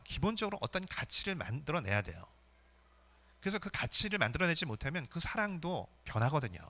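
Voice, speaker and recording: A man preaching a Sunday sermon as pastor, emphatic and animated, asking the congregation rhetorical questions. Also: a little high.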